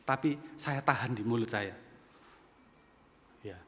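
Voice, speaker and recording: Pastor in his 50s, sermon in a reverberant church; bright, forceful delivery with sudden loud peaks. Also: mid-range voice, slow pace. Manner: storytelling, swings from quiet asides to loud emphatic peaks. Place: church sanctuary.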